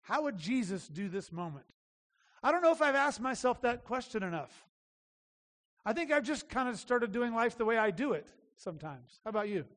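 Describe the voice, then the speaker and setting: Male preacher, very high voice, chatty emphatic sermon, long echoing hall. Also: very animated, normal speed, fairly bright tone. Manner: conversational preaching, emphatic repetition. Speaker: pastor.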